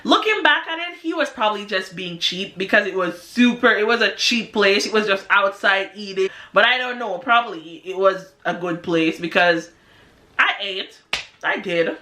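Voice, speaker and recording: A young adult woman vlogger telling a story in an animated, casual way, peppered with "like". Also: mid-range voice, moderate pace. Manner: animated, exclamatory storytelling with many "like"s. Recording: echoey room.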